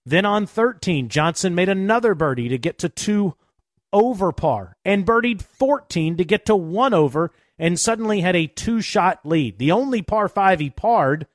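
A man's voice: high-pitched, lively intonation, normal speed, dry recording, clean studio sound. A man narrating a golf tournament recap as a show host.

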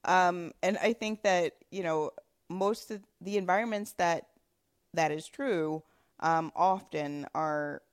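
A woman's voice: lowish voice, slow. A woman hosting a casual podcast conversation, talking in a chatty way with many fillers. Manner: chatty, frequent fillers and laughs. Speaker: podcast host.

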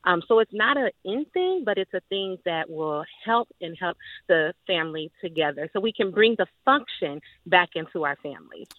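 A woman's voice: lowish voice, lively intonation, normal speed. A woman appearing as a guest on a radio show by phone, speaking in an earnest, encouraging way. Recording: phone line.

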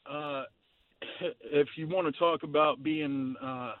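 Male phone-in caller, plain-spoken and halting, narrow telephone sound, slightly high voice. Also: steady tone, no echo. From Ohio, United States. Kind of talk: casual call-in debate. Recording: tinny narrow phone line.

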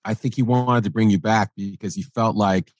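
A man with a fairly low voice speaks as an interviewer. He explains things conversationally and matter-of-factly, with a close, dry sound. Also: fairly even intonation, normal speed, no room sound. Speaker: interviewer with music industry experience.

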